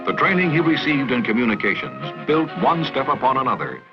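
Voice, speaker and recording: A man's voice: mid-range voice, lively intonation, brisk. A man with an American accent reading scripted narration for a 1960s military training film. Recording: muffled vintage film soundtrack with music. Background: music.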